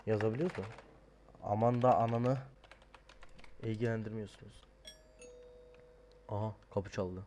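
A young man doing casual horror game commentary, joking and mumbling, then yelling in panic. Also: lowish voice, fairly even intonation, unhurried, long pauses, slight background noise. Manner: jokey, swings from mumbling to loud panicked yelling. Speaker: gaming streamer.

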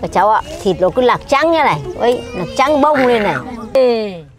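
A woman's voice: fairly high pitch, lively intonation, moderate pace. An older woman cooking and serving food, talking in a chatty, coaxing way with lots of exclamations. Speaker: cooking vlogger. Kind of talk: cooking demonstration while serving guests. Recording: noisy crowd around her.

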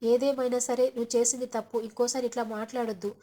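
A woman voicing a stern older man who scolds quietly and slowly. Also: on the high side, level tone, natural voice.

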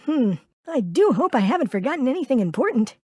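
Tiny timid piglet, very high-pitched. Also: male voice, big pitch swings, a little fast, husky, dry recording, studio quality, exaggerated voice. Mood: gentle, timid. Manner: hesitant, stammering, fretful, polite. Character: Piglet, small timid, anxious, kindly male piglet. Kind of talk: cartoon video game character voice clips.

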